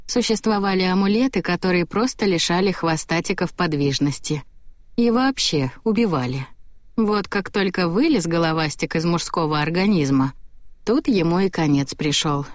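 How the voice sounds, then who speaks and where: A woman narrating a first-person audiobook with lively, ironic storytelling. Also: on the low side, normal speed, dry recording, clean studio sound.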